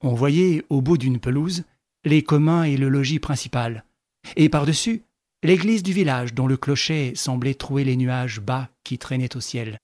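A man narrating an audiobook in a measured, even storytelling manner. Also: mid-range voice, no echo. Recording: dry close recording with faint music.

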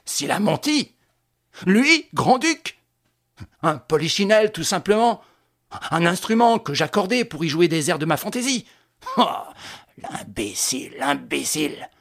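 A man voicing a raging, mocking gentleman thief in an audiobook, shouting and laughing with scorn. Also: a little high, slow pace, long pauses. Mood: scornful. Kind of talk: audiobook character voice.

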